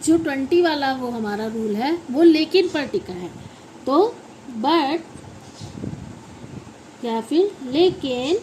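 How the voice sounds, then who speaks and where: A woman's voice: high-pitched, lively intonation, takes it slowly, long pauses, a little mellow, a little hiss or hum, low-quality recording. A woman with an Indian accent, a native Hindi speaker, teaches English phonics to children, spelling words out letter by letter and asking the class to repeat them.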